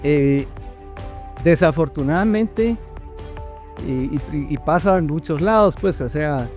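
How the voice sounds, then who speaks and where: An older man from Colombia with a Colombian accent, a company general manager answering interview questions thoughtfully, often pausing and repeating words. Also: a little high, expressive, darkish tone, faint music behind. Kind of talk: conversational interview.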